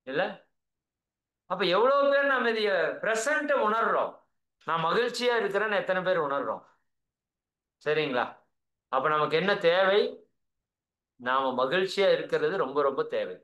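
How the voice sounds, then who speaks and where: A man's voice: high voice, pushed and bright, roomy sound. A man with a Tamil accent giving a spiritual talk over a video call, earnest and coaxing, often asking his listeners whether they agree. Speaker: spiritual teacher.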